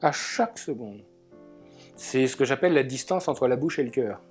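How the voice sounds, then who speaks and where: A man in the middle pitch range talks in a loose, reflective way, with pauses and filler words as he tells small everyday stories. Soft guitar music plays faintly behind him. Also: lively intonation, slightly rough. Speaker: alchemy speaker. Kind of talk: spoken reflective talk.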